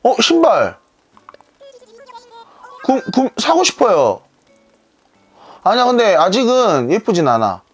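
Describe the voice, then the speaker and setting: Female streamer, chatty and playful, animated pitch, casual gameplay talk. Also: takes it slowly, pauses often, husky, faint music behind. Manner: playful, chatty, talks to viewers. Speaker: game streamer.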